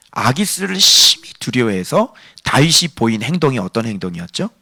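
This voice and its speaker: A male pastor preaches a sermon in a mid-range voice, swinging from hushed near-whispers to loud, emphatic lines. He keeps posing rhetorical questions to the congregation. The recording is dry, with clean studio sound.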